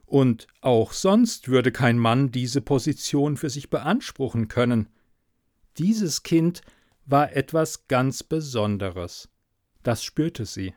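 Slow, measured male storyteller. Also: medium pitch, no echo, clean studio sound. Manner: slow, measured, softly dramatic. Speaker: narrator. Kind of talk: scripted story narration.

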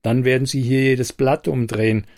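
A man voicing a cool female android bodyguard in an audiobook, speaking calmly and firmly. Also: medium pitch, moderate pace, dry recording, clean studio sound, close to an everyday voice. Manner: calm, firm, matter-of-fact.

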